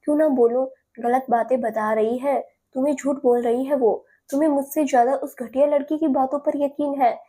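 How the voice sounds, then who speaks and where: A woman's voice: high-pitched, fairly even intonation, unhurried, vocal fry, heavily acted. A woman voicing a desperate young husband who insists he is innocent in an audio story. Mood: angry. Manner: pleading and shouting in turns.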